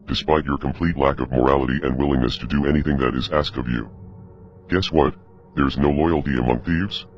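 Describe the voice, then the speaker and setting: Disguised, artificially deep anonymous male voice. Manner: accusatory, grave. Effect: voice changer lowering the pitch, disguised deep voice. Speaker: anonymous spokesperson. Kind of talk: scripted statement read aloud. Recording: muffled lo-fi audio with music behind.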